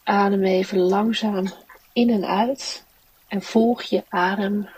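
A woman leading a guided relaxation in a soft, soothing, unhurried manner. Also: medium pitch, steady tone, recorded from a distance, slight background noise, rough recording. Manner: soft, slow, soothing guiding delivery. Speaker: mindfulness teacher and meditation guide.

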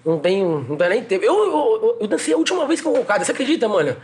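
Fast, high-pitched Brazilian Portuguese-accented man. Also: big pitch swings. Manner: slangy, recounting memories informally. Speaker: breakdancer on a podcast. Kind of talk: casual podcast chat.

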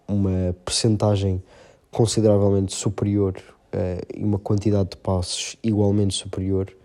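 A man with a European Portuguese accent analysing a football match, his voice a little off from being slightly ill, speaking hesitantly with many filled pauses. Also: low voice, dark tone.

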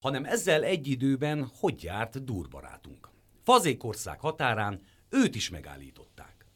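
Male storybook narrator, wildly expressive pitch. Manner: very animated, acts out voices.

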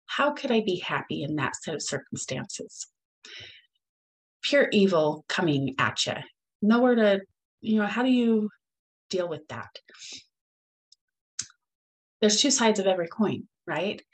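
A woman's voice: medium pitch, expressive, measured pace, poor audio. A middle-aged woman hosting her own podcast, talking in an earnest, upbeat, encouraging way. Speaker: podcast host. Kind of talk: solo podcast talk.

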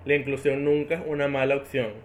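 A man's voice: medium pitch, little pitch movement, fast talker, slight background noise. A man hosting a podcast, asking open questions and affirming his guest's points. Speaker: podcast host. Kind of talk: casual podcast interview.

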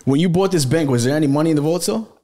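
A man's voice: fairly high pitch, racing, warm tone. A man co-hosting a podcast, talking in an informal, slangy way in casual interview chat. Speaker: podcast co-host.

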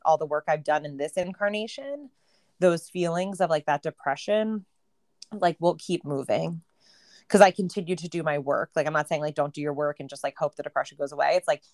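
A woman's voice: low voice, normal speed, darkish tone, no room sound, studio quality. A woman co-hosting a podcast, talking reflectively in casual chat, with frequent filler words. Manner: reflective, heavy use of "like". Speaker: podcast co-host.

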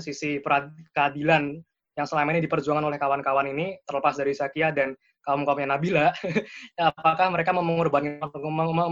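A man's voice: on the high side, a bit bright, dull audio. A man speaking earnestly as a panelist, weighing both sides of an issue. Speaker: discussion panelist. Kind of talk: argumentative discussion.

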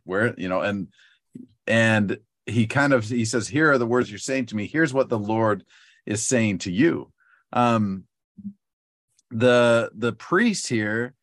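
Low-voiced man talking scripture, dry sound. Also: dry recording. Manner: thoughtful, halting with many restarts. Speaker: co-host of a scripture teaching discussion. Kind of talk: casual teaching discussion.

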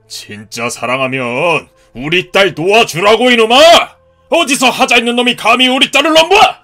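A man voicing a gruff, hot-tempered ex-marine father in his fifties who scolds and shouts in a cartoon story. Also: high-pitched, lively intonation, normal speed, soft background music, exaggerated voice. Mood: furious. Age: 50s.

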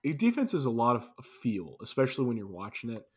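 A man's voice: mid-range voice, wildly swooping pitch, fast, darkish tone, husky. Male podcast co-host, mid-range voice, easygoing sports banter with dry asides. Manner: loose, restarting, wry asides. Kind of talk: casual sports chat.

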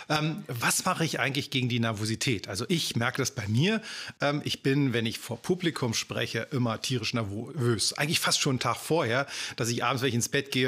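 A man's voice: medium pitch, a bit bright, husky. A man hosting a casual studio talk, chatty and hesitant with frequent fillers.

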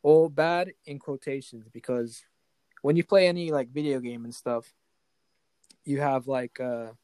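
A man's voice: mid-range voice, unhurried, a little mellow, smooth, no room sound. A man improvising a fantasy story as game master. He talks casually and keeps checking in with the player.

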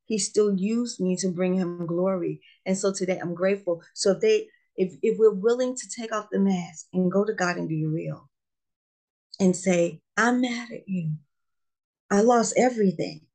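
A woman's voice: mid-range voice, a little mellow. A middle-aged woman gives her testimony as an interview guest. She speaks earnestly and with emphasis, repeating key phrases as she builds. Her voice sits in an ordinary middle register.

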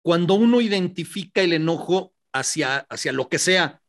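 A man's voice: fairly high pitch, animated, moderate pace, a bit bright. A man hosting an interview, asking questions with frequent restarts and hesitations. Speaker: host.

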